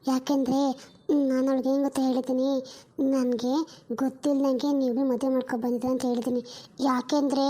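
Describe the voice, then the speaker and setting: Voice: high-pitched, warm tone, pitched below the performer's own voice, lightly acted. A performer voicing a grieving elderly mother-in-law who laments and sobs in a family drama. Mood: confiding. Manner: wailing and lamenting, sobbing pleas.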